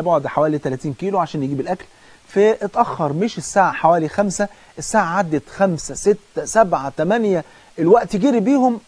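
A man with an Egyptian Arabic accent preaching an emotional sermon, swinging from loud pleading to low hushed warnings and chanting verses slowly. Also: dry recording.

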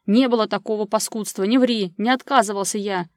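A woman reading a furious man yelling back. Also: mid-range voice, a little fast, no echo, clean studio sound, natural voice. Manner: angry outbursts, raised and forceful. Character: hot-tempered man, shouting and defensive. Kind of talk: audiobook character reading.

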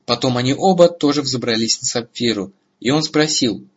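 Husky male audiobook narrator. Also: medium pitch, moderate pace, lo-fi sound. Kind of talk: scripted narration.

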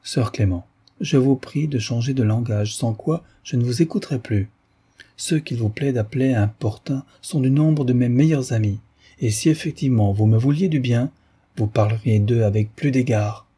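A man's voice: medium pitch, normal speed, dark tone, slightly rough. A man reading the part of a proud young woman firmly rebuffing a suitor in a period novel. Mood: firm reproach. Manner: firm, reproachful.

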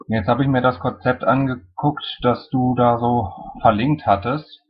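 A man with a husky, middle-pitched voice asks a pointed question in a deliberate way. The sound is dull and lo-fi, like a voice chat. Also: steady tone. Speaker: questioner in online meeting.

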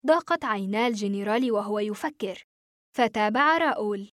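Woman, audiobook narrator, steady expressive storytelling, dry close sound. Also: medium pitch, normal speed, no echo. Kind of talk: first-person novel narration.

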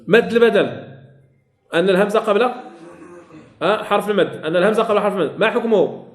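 High-voiced man teaching in an echoey room. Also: fast. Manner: repeats key phrases, quizzes students. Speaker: Quran recitation teacher. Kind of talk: classroom lesson on tajweed rules.

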